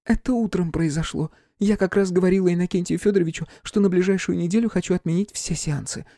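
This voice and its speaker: A man doing a shrill, panicky young clairvoyant woman. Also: fast, warm tone, dry recording, studio quality, lightly acted. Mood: frightened. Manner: shrill, breathless, pleading. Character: frightened distraught young female clairvoyant. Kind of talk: audiobook character voicing.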